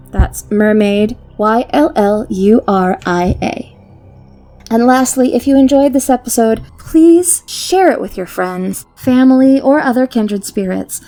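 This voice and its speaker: Background music runs under a woman's mellow, somewhat high voice. She is a YouTube host and story narrator whose scripted storytelling is theatrical, whimsical and playfully delivered.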